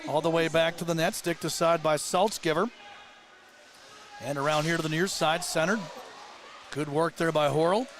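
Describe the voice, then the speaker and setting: A man working as play-by-play commentator, calling a hockey game rapidly and getting excitable on big plays. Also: a little high, slight background noise. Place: live at an ice rink.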